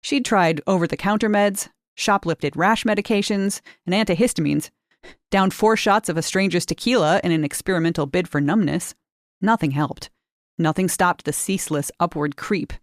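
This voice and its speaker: Her voice slightly low, a woman reads a short story with measured expressiveness, emphasizing key words by lifting them. The close, dry recording carries no room sound.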